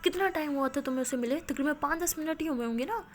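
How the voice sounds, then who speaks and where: A woman's voice: high voice, quick pace, a little hiss or hum, pitched above the performer's own voice, lightly acted. A woman voicing a jealous young college woman who accuses her friend with sarcasm.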